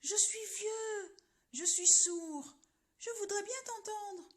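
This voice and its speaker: A woman voicing a cunning male fox in a children's story, sweet-talking slowly as he pretends to be old and deaf. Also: very high voice, voice pushed up. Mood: wheedling sly. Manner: sweet-talking, drawn-out and wheedling.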